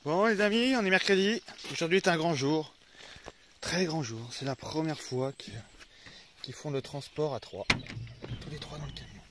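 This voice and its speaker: A man vlogging casually to his viewers outdoors, excitable, swearing often and talking to his dogs. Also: fairly high pitch, normal speed. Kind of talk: casual vlog talk to viewers. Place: outdoors by a road, then at a van with dogs. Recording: noisy outdoor vlog recording.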